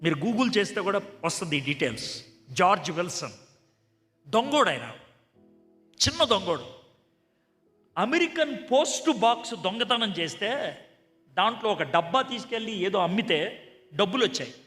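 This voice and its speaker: A male preacher with a high, bright voice delivers a storytelling sermon and acts out the conversations in it. His voice rings through a large echoey hall, and soft music plays underneath. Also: moderate pace, long pauses. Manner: animated, acts out dialogue in a conversational tone.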